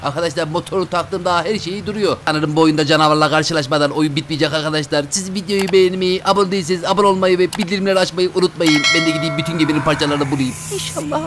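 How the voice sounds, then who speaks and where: A man narrating his gameplay to viewers in an excited let's-play style, exclaiming often. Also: on the high side, quick pace, few pauses, background noise. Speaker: gaming video host.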